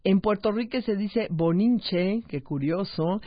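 A Mexican man hosts a radio talk show in a chatty, explanatory way. His voice sits high, and the dry studio sound comes through a dull, muffled broadcast. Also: slow pace, no room sound. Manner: chatty, explanatory, frequent "¿verdad?". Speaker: radio host. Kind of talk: casual radio chat.

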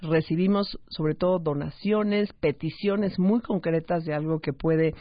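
A Mexican man hosts a radio talk show in a chatty, explanatory way. His voice sits high, and the dry studio sound comes through a dull, muffled broadcast. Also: a little slow, no echo. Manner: chatty, explanatory, frequent "¿verdad?". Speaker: radio host. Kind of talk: casual radio chat.

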